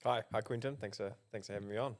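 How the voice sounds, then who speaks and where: A man with a New Zealand accent, a political candidate being interviewed, who answers haltingly with many fillers and restarts. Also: fairly low pitch, fairly even intonation. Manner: hesitant, many ums and restarts. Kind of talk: casual interview.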